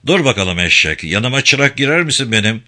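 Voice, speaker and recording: A man voicing a jovial, gold-toothed middle-aged stonemason in a Turkish audiobook, speaking low and teasing. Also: sing-song, brisk, sharp tone. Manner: teasing, paternal, low-pitched.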